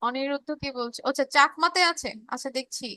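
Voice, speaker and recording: A woman's voice: high voice, fast, pushed and bright, no echo. A woman teacher with a Bangladeshi Bengali accent, leading a live online revision class, explaining and reading out student chat questions. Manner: reads chat messages aloud and answers students; explanatory, with frequent fillers and restarts.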